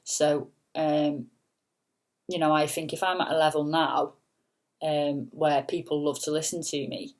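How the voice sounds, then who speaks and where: This singer and vlogger talks in a low, soft voice during a meandering late-night chat that feels unscripted. She's chatty, leaning on fillers like "um" and "you know," with the occasional casual swear word.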